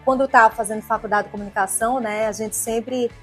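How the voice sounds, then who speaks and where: A woman in her forties with a Pernambuco accent, a TV presenter answering interview questions in an expressive, chatty way. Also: fairly high pitch, fairly quick, faint music behind. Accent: Pernambuco Portuguese. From Pernambuco, Brazil. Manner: warm, expressive, chatty with frequent tag questions.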